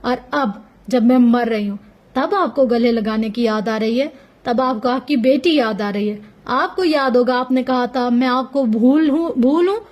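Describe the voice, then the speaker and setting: A woman voicing a heartbroken young girl who pleads with and accuses her father in a high, raised voice. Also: a little slow, lo-fi sound, natural voice. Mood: tearful.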